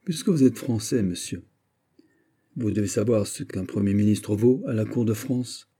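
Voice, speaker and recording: Un homme qui lit à voix haute et joue un vieux cardinal rusé au ton bref et querelleur. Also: male voice, fairly low pitch, normal speed, dark tone, slightly rough. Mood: sec. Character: vieux cardinal ministre, rusé, irritable, ironique.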